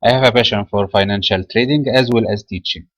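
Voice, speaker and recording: A man from Egypt, a trading trainer, reading a market commentary webinar from a script in a measured way with small filler pauses. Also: fairly low pitch, fairly bright tone, dry recording, lo-fi sound.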